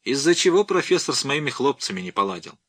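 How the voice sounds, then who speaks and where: A man's voice: medium pitch, sing-song, quick pace, fairly bright tone, no room sound, clean studio sound, voice pushed up. A man voicing a cold, menacing male rebel warlord who broods aloud and barks orders. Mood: brooding.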